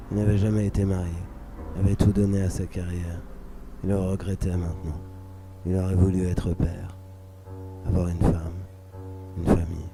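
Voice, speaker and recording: A man reading a scripted dramatic story for radio in a measured, solemn, literary way. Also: sits low. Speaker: narrator. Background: music under the voice.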